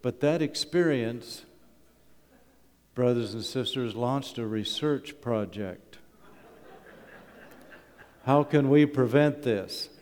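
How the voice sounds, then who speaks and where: In a mid-range, slightly mellow voice, slow and full of pauses, a wilderness school principal from Canada chats humorously with a church congregation over slides. He's middle-aged or older, often throws out rhetorical questions, and the hall around him rings with long reverb.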